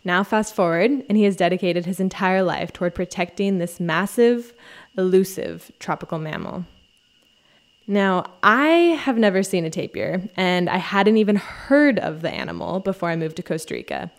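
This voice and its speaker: A woman's voice: fairly low pitch, animated, moderate pace, no room sound. A woman hosting a podcast, reading scripted narration and asking interview questions in a friendly way. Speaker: podcast host.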